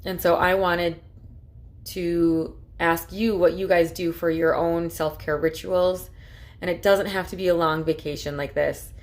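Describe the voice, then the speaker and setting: A woman's voice: lowish voice, fairly even intonation, measured pace. A woman vlogging in a heartfelt, casual way, rambling earnestly with lots of filler words. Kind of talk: casual heartfelt talk to camera.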